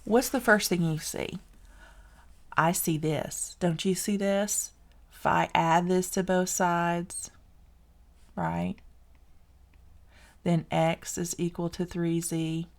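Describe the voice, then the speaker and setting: A woman's voice: fairly low pitch, steady tone, slow pace, gravelly, pauses often. A woman with a Southern US accent teaching a casual recorded algebra lesson, chatty and encouraging, correcting herself as she works. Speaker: math teacher.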